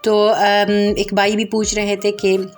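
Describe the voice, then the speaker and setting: A woman's voice: mid-range voice, level tone, slow pace, faint music behind. A woman in her thirties from Pakistan with a Pakistani Urdu accent, chatting casually to her viewers as she narrates her home routine. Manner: chatty and homely, addressing viewers directly. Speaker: home vlogger.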